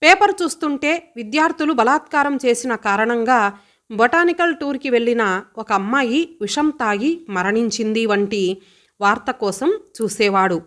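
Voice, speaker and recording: Female audiobook storyteller, expressive steady read. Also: fairly high pitch, normal speed. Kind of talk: audiobook narration.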